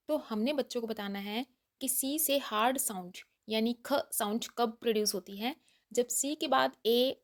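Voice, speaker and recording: A woman teaching letter pronunciation, slowly stretching out example sounds as she explains. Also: fairly high pitch, a bit bright. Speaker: English teacher. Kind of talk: Hindi-English lesson explanation.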